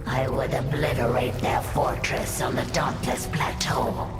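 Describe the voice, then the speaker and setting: An actress playing a menacing, obedient alien brood queen in a video game, deliberate and ominous. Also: a bass voice, little pitch movement. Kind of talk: dramatic video game acting. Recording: echoing voice, loud music behind.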